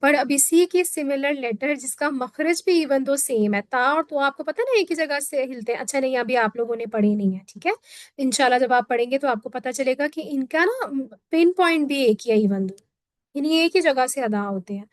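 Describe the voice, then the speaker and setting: In a high-pitched voice, a Quran teacher from Pakistan patiently runs a recitation class, repeating each point and asking "theek hai" to confirm the students follow. The audio is dry and free of room echo.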